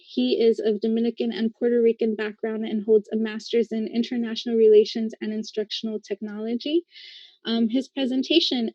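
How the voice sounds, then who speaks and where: Woman host on a video call, level and even, fairly high voice, dry and muffled call audio. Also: dry recording. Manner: measured, mixes in Spanish words. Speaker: event host. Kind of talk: reading an introduction on a video call.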